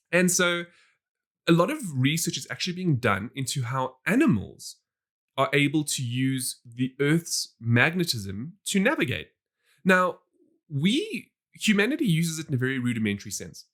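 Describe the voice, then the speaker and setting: A man co-hosting a podcast in casual chat, animated, laughing often and restarting his sentences. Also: on the high side, a little slow. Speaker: podcast co-host.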